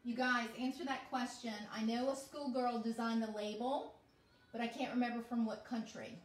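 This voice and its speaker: A woman chatting excitedly as she unboxes products on a livestream, recorded on a phone from across a home kitchen. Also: on the high side, normal speed. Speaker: host of an essential oils unboxing. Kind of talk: casual unboxing chat on a livestream. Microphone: phone camera across the counter. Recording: echoey kitchen, heard from a distance.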